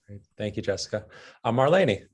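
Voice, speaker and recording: A man facilitating a meeting, brisk and polite, calling on people one by one over a video call. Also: fairly low pitch, lively intonation, slightly rough. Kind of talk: running a meeting.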